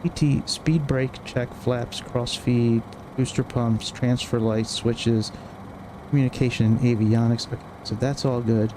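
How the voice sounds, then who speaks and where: A man streams a flight simulator, casually thinking aloud through a checklist in short, clipped phrases. His mid-range voice is steady and unhurried, with cockpit ambience and engine noise from the simulator behind him.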